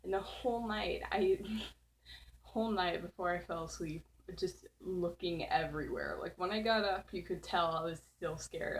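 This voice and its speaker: A woman's voice: fairly low pitch, poor audio. A teenage girl hosting her channel, casually telling a spooky story at home in a rambling way, full of "like" fillers and giggles. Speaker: channel host. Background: faint background noise.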